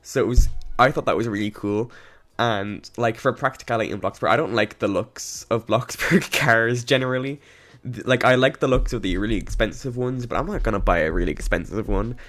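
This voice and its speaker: A man with a hoarse, coughing voice gives a casual, rambling voice-over about a game build, with lots of ums, restarts and giggles. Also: medium pitch, a little fast, fairly bright tone. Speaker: game builder narrating a speedbuild. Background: faint background music.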